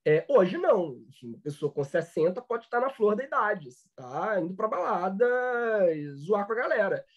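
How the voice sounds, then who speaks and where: A man's voice: high voice, very animated, normal speed, dull audio. A Brazilian man, a law professor, giving a lecture with many fillers and restarts. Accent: Brazilian Portuguese. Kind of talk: online lecture.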